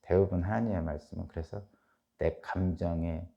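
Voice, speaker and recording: A middle-aged male pastor with a Chungcheong accent, giving an early-morning sermon in an animated preaching manner that swings from loud peaks to soft asides. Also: sits low, normal speed, gravelly, lo-fi sound. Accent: Chungcheong Korean. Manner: animated preaching, voicing Job's laments, rising loud then dropping soft.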